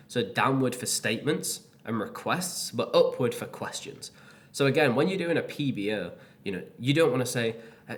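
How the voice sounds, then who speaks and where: A man teaching cold-calling in a casual, plain-spoken way. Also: mid-range voice. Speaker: sales coach. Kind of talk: instructional talk to camera.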